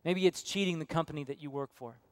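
Earnest male preacher, clear dry voice. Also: fairly high pitch, fast, dry recording. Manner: earnest preaching, storytelling with hushed quoted voices. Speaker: pastor. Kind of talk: sermon. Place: church sanctuary.

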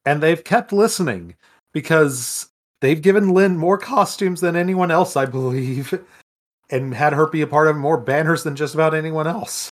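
A man co-hosting a casual video game podcast, explaining things and speeding up when he gets excited. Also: fairly high pitch, moderate pace. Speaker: podcast co-host. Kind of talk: casual podcast chat about video games.

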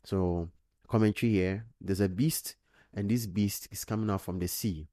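Low mellow guy doing a rambly bible study, lots of you-knows, dry close sound. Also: fairly even intonation, moderate pace, no room sound. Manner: rambling, thinks aloud with many "you know" fillers. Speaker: Bible teacher. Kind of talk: informal Bible study commentary.

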